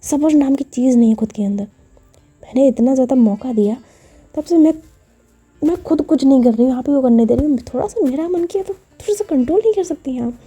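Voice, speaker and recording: A woman voicing a sulky, easily offended young woman who scolds with sharp retorts in a spoken love story. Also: high-pitched, brisk, husky, soft background music. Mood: scolding.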